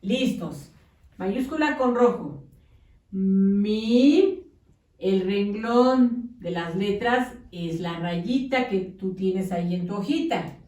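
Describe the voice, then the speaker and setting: A woman teaching young children to write, dictating slowly and patiently, with a coaxing manner and many diminutives. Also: medium pitch, animated, mellow, echoey room, distant mic. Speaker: primary school teacher.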